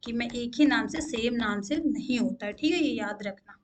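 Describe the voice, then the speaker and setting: Young woman instructor, high voice, patient step-by-step screen-share teaching with frequent check-ins, faint noise. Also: moderate pace. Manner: repeats "ठीक है" to check in, asks questions aloud. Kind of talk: screen-share coding tutorial.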